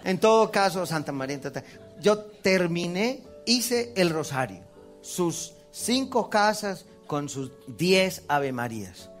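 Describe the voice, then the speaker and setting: Preaching to a congregation, this Colombian priest speaks slowly in a high, sing-song male voice with a Colombian Spanish accent. He tells his testimony as a story, acting out quotes and laughing at himself over soft background music.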